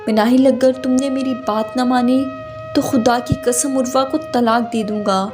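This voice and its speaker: A woman's voice: on the high side, fairly even intonation, music in the background, lightly acted. Woman reading as a menacing lecherous husband. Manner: threatening, bullying.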